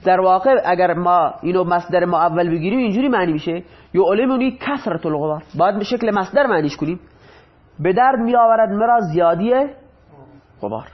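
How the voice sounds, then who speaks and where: A man with a fairly high voice teaches a grammar lesson. He goes through example sentences slowly and keeps asking his students questions, then answers them himself. The recording sounds dull and lo-fi. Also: expressive. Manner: reads Arabic examples slowly, then translates. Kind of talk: Arabic grammar lesson explained in Persian.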